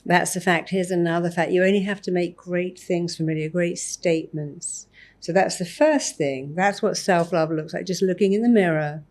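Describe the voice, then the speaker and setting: A woman therapist on a podcast interview, talking in an animated way and acting out examples of self-talk. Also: lowish voice, normal speed. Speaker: therapist guest.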